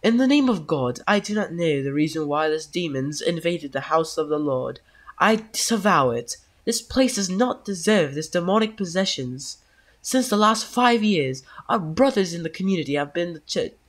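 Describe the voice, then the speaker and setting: A man voicing a solemn male priest, reading the priest's grim letter aloud in a stilted, formal mock British accent. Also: fairly high pitch.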